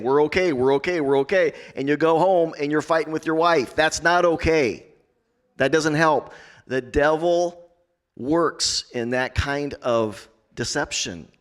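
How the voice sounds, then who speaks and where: A man's voice: a little high, a little slow. A man, the pastor, speaking earnestly and repeating his points as he presses them home on a church panel. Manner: earnest, repetitive, rising to emphatic. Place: church conference stage.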